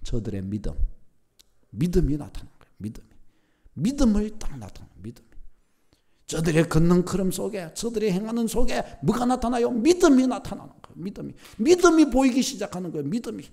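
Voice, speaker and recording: A middle-aged man preaching a sermon as pastor, emphatic, repeating key phrases and building up to near-shouts. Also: high voice, sing-song, brisk, vocal fry.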